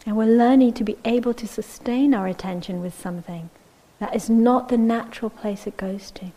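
A woman teaching meditation speaks gently and without hurry in a dharma talk, her voice on the high side and the audio poor. Every so often she checks in with "yeah?", sometimes softening to a near-whisper.

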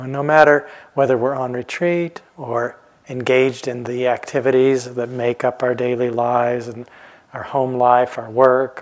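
A man in his late fifties, a meditation teacher, speaks in a mid-range voice during a dharma talk in a retreat center hall. He is calm and reflective, pausing frequently as his phrases fade gently away.

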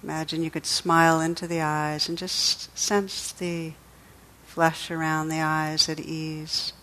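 A woman teaching a guided meditation speaks gently and soothingly, taking her time with pauses. Her voice is low and her delivery flat, and the audio quality is poor.

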